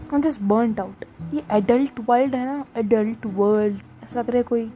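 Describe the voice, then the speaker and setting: A woman's voice: fairly high pitch, darkish tone. A young woman from India rambling through a casual late-night vlog monologue, mixing Hindi and English and swearing casually, lying on the floor at home and talking to her phone camera. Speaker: vlogger. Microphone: phone camera up close.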